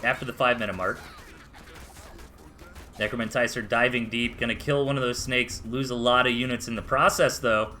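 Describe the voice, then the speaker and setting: A man with a Southern US accent and a sharp, mid-range voice casts a strategy game match live at a moderate pace, his intonation fairly even. As an esports caster he gives chatty play-by-play with casual asides, faint music behind him.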